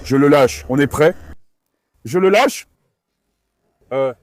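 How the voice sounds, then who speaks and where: A man who hosts a dog channel is outdoors at an industrial site, coaxing his dogs and giving instructions to a helper in a casual, repetitive way. His voice is a little high and expressive, and he speaks slowly.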